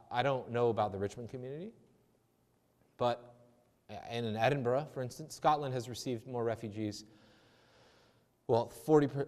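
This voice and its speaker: A man, a theology lecturer, answering audience questions in a conversational, discursive way with self-deprecating asides and frequent restarts, speaking in a chapel. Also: medium pitch. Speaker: theology lecturer giving a talk. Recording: long chapel reverb.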